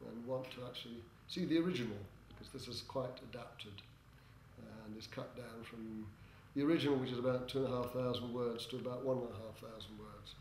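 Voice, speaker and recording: An older man answering interview questions as a theatre director, in a hesitant, halting way with droll, tongue-in-cheek humour. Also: mid-range voice, a little mellow. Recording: echoey room with background noise.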